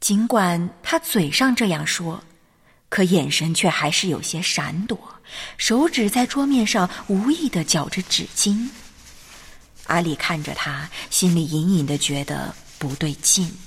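A woman narrating a scripted story in a gentle, measured manner. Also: fairly low pitch, lively intonation, husky. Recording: reverberant hall with faint music. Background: faint background music.

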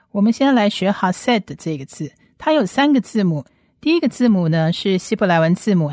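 Woman as a patient lesson teacher, repeats every sound slowly; dry, close sound. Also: fairly low pitch, no room sound. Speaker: Hebrew teacher. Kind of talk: step-by-step language lesson.

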